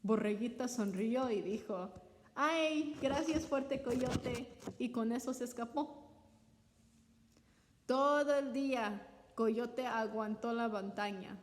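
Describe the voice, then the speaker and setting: A woman reading a folktale aloud as a storyteller, measured, acting out the characters' voices. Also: a little high, a little hiss or hum. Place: library. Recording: reverberant library hall.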